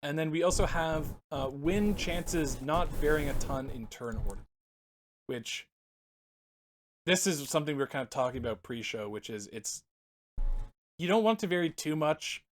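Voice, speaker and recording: A man's voice: on the high side, lively intonation, moderate pace, pauses often, a little hiss or hum. A man co-hosting a casual podcast, rambling through his points, often searching for words and laughing. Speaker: podcast co-host. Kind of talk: casual chat about card games.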